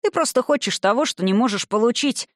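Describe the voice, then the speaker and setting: A woman voicing a stern, commanding young man in an audiobook, speaking low and domineering with anger. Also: animated, fairly quick, no echo, clean studio sound, lightly acted. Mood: angry.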